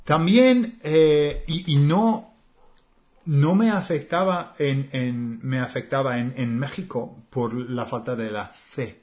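A man with an English accent speaking Spanish, co-hosting a relaxed language lesson, slow and hesitant with many fillers. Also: medium pitch. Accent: English learner speaking Spanish. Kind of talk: casual conversational lesson.

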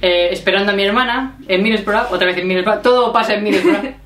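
A woman's voice: medium pitch, fast talker, fairly bright tone. Chatty woman in a roomy space. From Spain. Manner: chatty, laughing storyteller. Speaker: vlogger. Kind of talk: casual chat. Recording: roomy echo.

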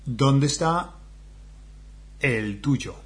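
Man, mid-pitched, easygoing jokey co-host, casual lesson. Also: extremely slow. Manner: relaxed, jokey, frequent agreement sounds. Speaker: co-host and learner.

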